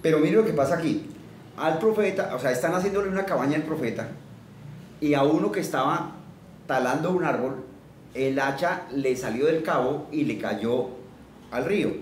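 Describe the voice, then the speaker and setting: A man preaches, his fairly high voice carrying through a roomy, echoing space from some distance off. He reads scripture aloud, then explains it plainly, asking his listeners questions and having them repeat lines back. Faint background noise sits under his voice. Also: normal speed. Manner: quizzes listeners and leads call-and-response repetition. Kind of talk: interactive sermon teaching.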